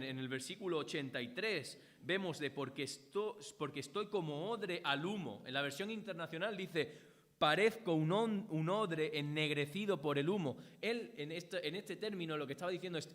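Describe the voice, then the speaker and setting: Man preaching, Spain Spanish accent, slightly high voice, long hall reverb. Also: a bit bright. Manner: earnest, repeats phrases, quotes scripture. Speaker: pastor. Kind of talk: sermon. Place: church hall.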